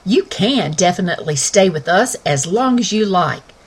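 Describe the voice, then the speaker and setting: A woman voicing a kind father in a children's story, gentle and cheerful in manner. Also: lowish voice, animated, moderate pace, husky. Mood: warm.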